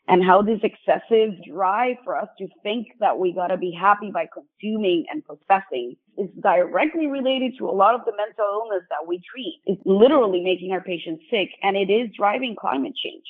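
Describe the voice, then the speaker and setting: A woman from Rico, a psychiatrist earnestly telling her story in an interview. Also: medium pitch. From Puerto Rico. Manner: earnest and explanatory. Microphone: phone. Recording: tinny phone line.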